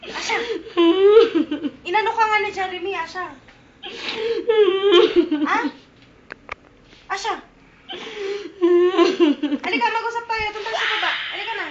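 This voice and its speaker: A woman's voice: extremely high pitch, steady tone, unhurried, long pauses, bright, forceful tone. A woman coaxing and pleading, asking the same questions again and again, recorded at home on a handheld camera. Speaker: parent comforting a crying relative. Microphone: handheld camera mic. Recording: muffled home video with noise.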